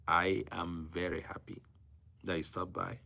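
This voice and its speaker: This African man, a native Igbo speaker with a Nigerian accent, exhorts his live-stream audience in a teacherly, sermon-like style full of repetition and measured pauses. His low, gravelly voice barely moves in pitch and comes out pushed and bright.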